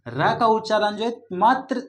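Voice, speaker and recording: A man's voice: sits high, measured pace. A man teaching a spelling lesson with a Hindi accent, spelling words out letter by letter and patiently repeating them. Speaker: English teacher.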